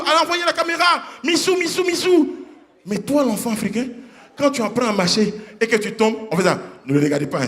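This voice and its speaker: Lively high-voiced man doing stand-up. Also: vocal fry. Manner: animated, acts out characters with sudden high-pitched voices. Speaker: stand-up comedian. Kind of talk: stand-up comedy set. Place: comedy stage before a live audience. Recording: roomy live stage sound with audience.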